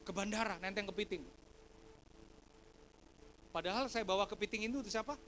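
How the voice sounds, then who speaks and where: Man, pastor, storytelling sermon, high-pitched, faint background noise. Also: fairly quick. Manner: animated, addresses congregation with frequent "Pak", acts out dialogue. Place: church hall.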